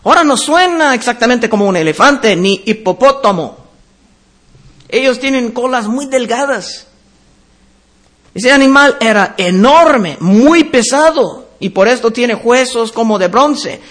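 A man preaching a sermon, reading Bible verses aloud and explaining them, slowing down on key words. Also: very high-pitched, expressive, fairly bright tone.

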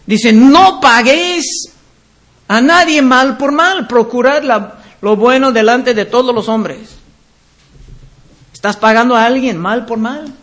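High-voiced man preaching a sermon. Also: a bit bright. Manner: reads scripture passages aloud, with slips and restarts. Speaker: pastor.

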